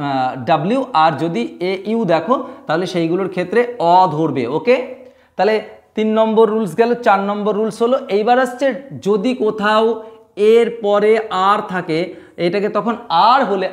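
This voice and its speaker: A man teaching English pronunciation, explaining each rule step by step and repeating the key words. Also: high voice. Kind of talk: spoken English lesson.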